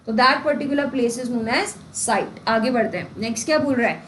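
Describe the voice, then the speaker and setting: Woman teacher, high voice, keeps asking the class questions, echoey room w faint hum. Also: measured pace, a bit bright. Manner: explains with rhetorical questions and folksy examples. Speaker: English teacher. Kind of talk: exam-prep lesson in Hindi-English mix.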